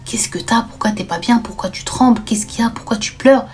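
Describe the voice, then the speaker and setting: A woman doing a tender old grandmother, asking worried questions in a breathy half-whisper. The voice is hushed and close, and it floats a little higher than her own. Quiet music runs behind it. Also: brisk, lightly acted. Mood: concerned. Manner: soft, half-whispered, concerned. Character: gentle elderly grandmother, soft-spoken and caring.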